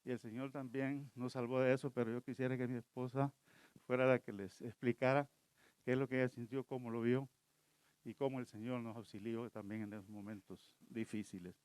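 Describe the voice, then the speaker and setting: A man, a pastor, speaking haltingly to his congregation, correcting himself as he goes. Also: medium pitch, little pitch movement, darkish tone, clean tone, dry recording. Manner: halting, with restarts and self-corrections. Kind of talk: church address.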